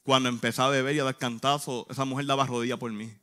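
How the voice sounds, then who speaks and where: A man's voice: mid-range voice, little pitch movement, fast, bright, forceful tone. A man, a youth pastor giving an earnest, emotional church testimony in short phrases. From Puerto Rico.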